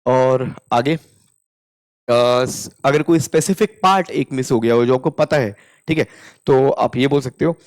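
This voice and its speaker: Indian man teaching English phrases. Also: mid-range voice. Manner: mixes Hindi with English phrases, repeats example sentences slowly. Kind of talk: casual spoken English lesson.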